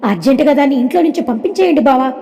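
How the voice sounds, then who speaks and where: A woman's voice: high voice, animated, racing, warm tone. A woman voicing a spiteful young woman who speaks in an angry, accusing way, in a storybook with long reverb.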